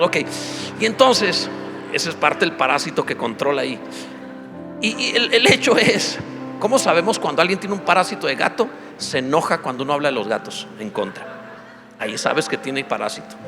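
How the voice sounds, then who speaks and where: A pastor preaching in a high, bright voice, animated and humorous, rising into emphatic climaxes. His voice rings with a long church reverb, and music plays clearly underneath. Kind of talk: sermon.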